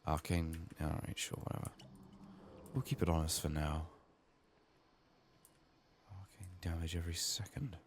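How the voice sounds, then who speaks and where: A gaming video host's deep voice, strained by illness, murmurs softly and partly in whispers as he comments on a game playthrough. He thinks aloud in a casual, unhurried way over slight background noise.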